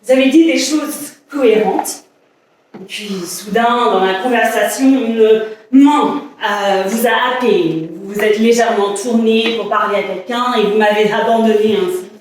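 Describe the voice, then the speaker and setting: In a staged reading, an actress lightly acts a lovesick woman consumed by dangerous obsession, anguished and insistent, in a poetic, halting monologue. Her fairly high voice sounds reproachful, with a dramatic, incantatory delivery full of repetitions. The reverberant indoor space makes the audio very echoey, with the mic far away and a little hiss or hum.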